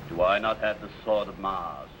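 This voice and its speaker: With a low, slightly bright voice, a male actor portrays a cruel, bragging barbarian warlord for a 1950s TV serial, pausing grandly and menacingly. A little hiss or hum can be heard.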